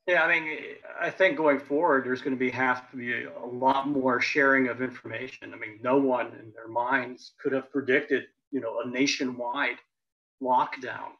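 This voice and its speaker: Gravelly man on a dull video call. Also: medium pitch, steady tone, normal speed. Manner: loose, hedging with fillers. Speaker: insurance panelist. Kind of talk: panel discussion.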